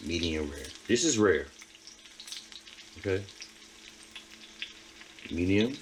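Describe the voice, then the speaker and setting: In his home kitchen, a man with a low, very animated voice speaks slowly while casually demonstrating how he cooks a steak for his vlog. He drives his points home through repetition, with background noise and a pan sizzling on the stove.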